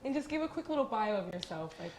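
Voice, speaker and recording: A woman's voice: medium pitch, very animated, fast talker, darkish tone, echoey room, a little hiss or hum. A woman hosting a studio interview, asking friendly, long, multi-part questions. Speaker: interviewer, network host.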